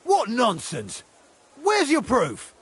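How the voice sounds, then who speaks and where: An actor playing a hot-tempered, mustached army corporal who curses defiantly in a video game. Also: male voice, very high voice, wildly swooping pitch, takes it slowly, fairly bright tone, breathy edge, exaggerated voice. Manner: defiant, cursing.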